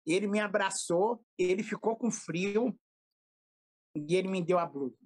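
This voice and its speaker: A middle-aged pastor with a São Paulo accent tells a story in an animated, slangy, emotional way during a casual podcast interview. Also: male voice, high-pitched, a little slow. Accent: São Paulo Portuguese.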